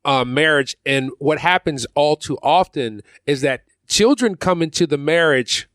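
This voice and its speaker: A man's voice: fairly high pitch, a little slow, fairly bright tone, smooth, no room sound. A man conducting a casual, conversational interview as the interviewer.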